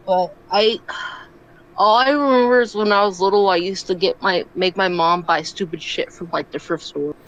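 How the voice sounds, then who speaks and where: A woman joining a casual podcast chat, talking in a halting, offhand way. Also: lowish voice, fairly bright tone, highs cut off.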